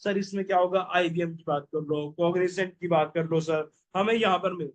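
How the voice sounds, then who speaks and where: A man's voice: sits high, steady tone, brisk. A young man teaching a revision lecture, playful and jokey, who keeps quizzing his listeners with "yes or no?".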